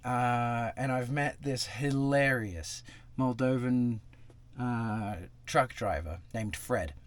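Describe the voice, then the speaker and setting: Speaking slowly in a medium-pitched voice, a young man chats to camera for his travel vlog from inside a parked truck cab. He rambles casually, full of fillers and restarts.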